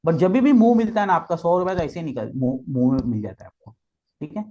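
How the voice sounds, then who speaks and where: Very animated and fairly quick, a man with a slightly high, mellow voice explains trading charts as a guest expert. He goes step by step, blending Hindi and English and checking in with repeated "okay"s. The audio sounds dull.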